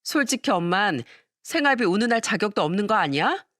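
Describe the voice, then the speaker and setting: A woman's voice: medium pitch, big pitch swings, brisk, fairly bright tone, no echo, clean studio sound. A woman voicing an earnest, loyal young granddaughter in a storytelling radio drama, speaking in a pleading way. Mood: indignant.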